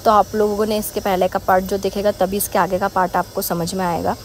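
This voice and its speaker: A woman's voice: medium pitch, fairly quick. A woman hosting a casual family vlog, chatting straight to her viewers. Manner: chatty, addresses viewers directly. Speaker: family vlogger. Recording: lively family crowd behind.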